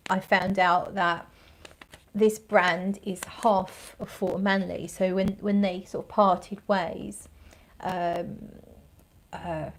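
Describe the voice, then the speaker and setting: A woman's voice: medium pitch, level tone, slow pace, slight background noise. Woman in casual, rambling livestream chat. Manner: rambling and conversational, searching for words. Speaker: fragrance reviewer and livestream host. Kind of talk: casual livestream chat, thinking aloud while reviewing scents.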